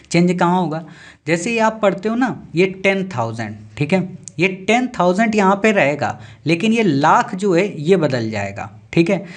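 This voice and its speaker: A man teaching a maths class, asking questions and answering them himself, with frequent checks like "okay". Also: a little high. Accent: Hindi. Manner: asks and answers his own questions, repeats "ठीक है" often. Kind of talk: classroom lecture.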